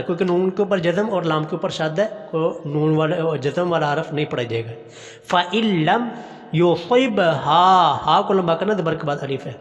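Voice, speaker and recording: A man teaching Quran recitation, chanting each phrase slowly and then explaining how to pronounce it. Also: high voice, big-room sound. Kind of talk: recitation lesson.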